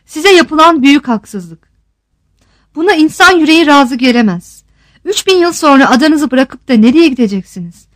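A woman reading the lines of a kindly male official, gentle and regretful as he breaks hard news. The voice stays high, close and dry, like a storybook reading. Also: expressive, normal speed, no echo. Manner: gentle, apologetic delivery.

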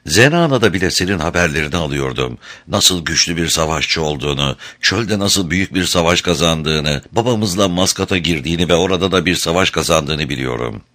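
A man reading the part of a lovesick young woman in a storybook, speaking softly and close to tears. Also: sits low, lively intonation, fairly quick, hardly any pauses. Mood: tender. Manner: soft, whispering, near tears.

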